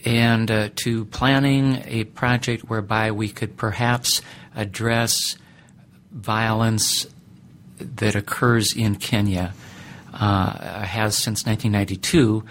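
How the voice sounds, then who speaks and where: A middle-aged man who teaches ethics, answering interview questions in a thoughtful, deliberate way with many pauses. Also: on the low side, little pitch movement, a bit bright, slight background noise.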